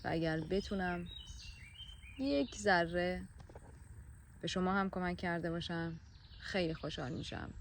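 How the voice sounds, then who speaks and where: Soft-spoken woman, hesitant and gentle. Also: on the low side, gravelly, slight background noise. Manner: hesitant, with frequent filler sounds and pauses; gentle, soothing tone. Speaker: vlogger sharing a personal experience. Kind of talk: reflective personal talk to camera. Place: outdoors in a forest.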